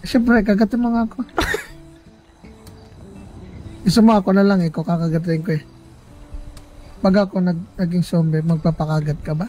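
A man's voice: sits high, fairly even intonation, moderate pace, long pauses, dark tone, highs cut off. A man bantering and questioning his partner in a casual game roleplay. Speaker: roleplay player. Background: game music.

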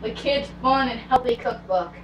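A woman playing a hot-tempered, foul-mouthed young Italian man in an amateur cosplay comedy skit, snapping in loud outbursts, filmed by a far camera in a home kitchen. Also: fairly high pitch, moderate pace, reverberant, a little hiss or hum, natural voice. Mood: grumpy. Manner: swears and snaps in loud outbursts.

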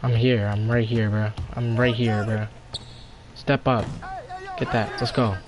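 A man's voice: on the low side, flat delivery, unhurried, noisy background. A young man in casual online game chat, talking like a slangy frat bro and giving bossy, exasperated callouts to his teammates. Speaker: online basketball gamer.

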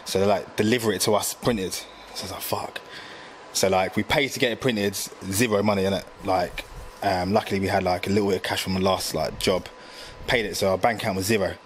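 A man, telling stories in a slangy, animated casual chat full of fillers. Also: low-pitched, brisk, slight background noise. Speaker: graphic designer guest.

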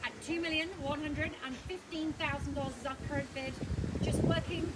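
A woman's voice: high-pitched, fairly even intonation, normal speed. A woman in her thirties calling a live house auction outdoors with upbeat, persuasive patter, often repeating the current bid. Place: outdoors on a suburban street in front of a house. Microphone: far camera. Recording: loud street noise, distant camera audio.

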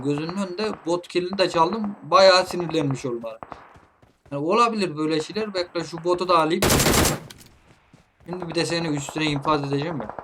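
A man commentating his own mobile shooter gameplay, playfully taunting opponents and calling them nephew, with bursts of loud shouting. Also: fairly high pitch, very noisy. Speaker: gameplay streamer. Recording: game gunfire loud behind voice. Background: gunshots and clicks from the game.

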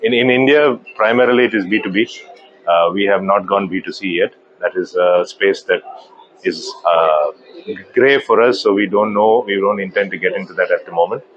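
Deep-voiced man at a trade-show booth. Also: highs cut off. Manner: measured, hesitant with frequent fillers. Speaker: company managing director. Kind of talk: trade-show business interview. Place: indoor exhibition booth.

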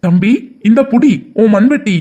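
A woman's voice: a little high, animated, normal speed, mellow, voice pushed down. A woman with a Kanyakumari Tamil accent voicing a kindly, mysterious man of the forest in a cartoon story, soothing and reassuring. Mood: instructing.

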